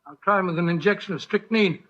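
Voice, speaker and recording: An actor with a British accent playing an anxious, loyal doctor and storyteller in an old radio drama, earnest and hesitant when flustered. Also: male voice, high voice, quick pace, fairly bright tone. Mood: shocked, concerned. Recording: muffled old radio recording.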